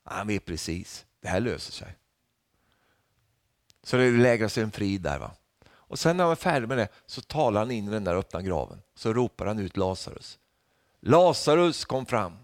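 Lively, joking preacher man. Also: lowish voice, no echo, studio quality. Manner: lively, humorous preaching with frequent "va?" tags; rises to loud calls when quoting Jesus. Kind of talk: sermon.

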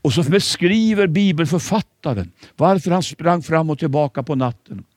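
A man's voice: fairly high pitch, animated, darkish tone, no echo, clean studio sound. A man preaching a sermon, dramatic and emphatic, sometimes stumbling over repeated words. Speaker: pastor.

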